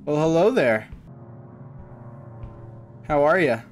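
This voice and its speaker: A gaming streamer in his twenties talks slowly in a slightly high, expressive voice, tossing out wry jokes about a horror game while chatting with viewers. He's in a small indoor streaming room with game music playing.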